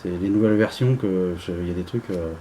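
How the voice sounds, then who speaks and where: A man's voice: sits low, brisk, mellow, slight background noise, rough recording. A man giving casual unboxing commentary, rambling and hesitant with many fillers. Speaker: unboxing vlogger.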